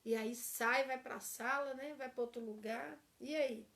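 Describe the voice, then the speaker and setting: A woman's voice: a little high, steady tone, a little slow, vocal fry, fairly bright tone. A woman teaching a church seminar for couples, acting out example phrases and checking in with the class.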